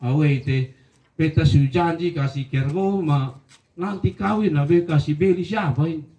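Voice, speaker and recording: A man voicing a frightened young male soldier with a Rote accent, pleading in a fast, panicky way. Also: on the high side, dark tone. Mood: scheming. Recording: echoey room, distant mic.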